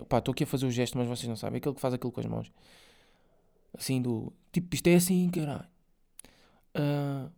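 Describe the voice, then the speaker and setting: A young man with a European Portuguese accent hosts a solo podcast, rambling on in loose, slangy speech crammed with fillers and the occasional swear word. His voice is dark and mellow, pitched in the middle range.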